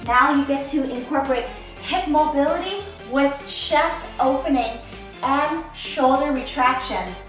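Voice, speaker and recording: A woman with a high, slightly bright voice coaches a workout at a measured pace, playfully hyping it up with gym-bro slang in a casual demo. The fitness coach and presenter is heard in a very echoey room with background music.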